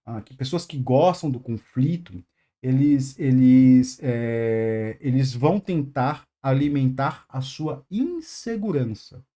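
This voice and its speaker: A Brazilian man hosting a casual advice chat, telling a work story in animated bursts, with many fillers and restarts. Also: medium pitch, takes it slowly. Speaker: channel host.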